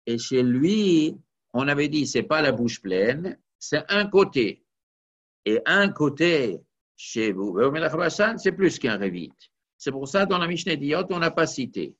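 A man's voice: a little high, very animated, measured pace, fairly bright tone. A man teaching a Talmud study lesson, explaining step by step and weaving Hebrew and Aramaic terms into his talk. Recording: dull lo-fi recording.

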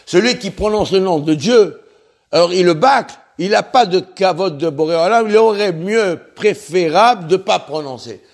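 Guy giving an impassioned religious lesson, high voice, keeps repeating himself. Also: expressive. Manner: impassioned, repeats himself, stumbles and restarts words; sounds out Hebrew syllables slowly. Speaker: rabbi teaching on prayer.

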